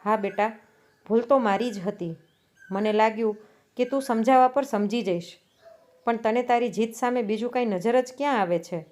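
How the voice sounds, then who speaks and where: A weary older father speaks humbly and in a measured way, as a woman narrator voices him. The pitch stays fairly high. It is a storybook reading. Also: darkish tone, natural voice.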